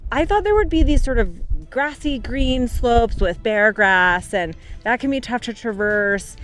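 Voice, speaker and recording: A woman interviewing and hiking outdoors on a mountain trail, talking in an animated, excitable way. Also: mid-range voice. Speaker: interviewer and hiker. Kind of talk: on-location chat during a hike.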